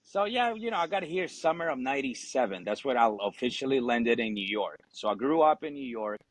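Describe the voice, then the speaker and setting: A man in his forties, originally from Ecuador and a Spanish speaker first, chats with a podcast host in a loose, friendly way, full of fillers and the odd curse. His voice sits at an ordinary middle pitch. The sound is dry and close. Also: big pitch swings, fairly quick, dry recording, low-quality recording. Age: 40s. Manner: easygoing, swears, leans on fillers. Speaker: podcast guest, Marine veteran. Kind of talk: casual chat.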